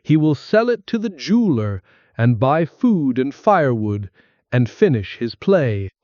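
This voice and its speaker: A man's voice: medium pitch, very animated, unhurried, darkish tone, dry recording, highs cut off. A man doing a sorrowful prince statue.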